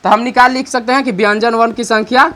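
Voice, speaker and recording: A man teaching grammar over the internet has an extremely high voice that sounds pushed and bright, with fairly even intonation. He restates every point, asks and answers his own questions, and dictates slowly as he writes.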